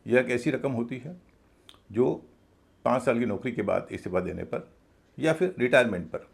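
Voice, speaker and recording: A man's voice: medium pitch, normal speed, gravelly. A man teaching English pronunciation in a video lesson, spelling words out letter by letter and then repeating the correct form.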